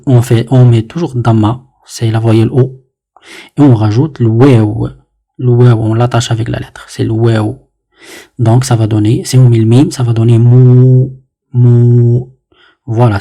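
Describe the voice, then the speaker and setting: A man teaching letters and vowels in a patient, step-by-step lesson, slowly repeating each sound and often saying "très bien". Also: mid-range voice, mellow. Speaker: Arabic teacher.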